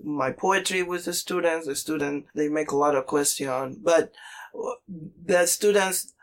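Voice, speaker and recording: A man in his forties from Cuba, speaking English with a Cuban Spanish accent in a fairly high voice. He tells his story animatedly, acting out what other people said. His English is broken and full of fillers and restarts. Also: a little slow, gravelly. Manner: animated, acts out other people's lines while telling a story. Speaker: interview guest. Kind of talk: conversational storytelling.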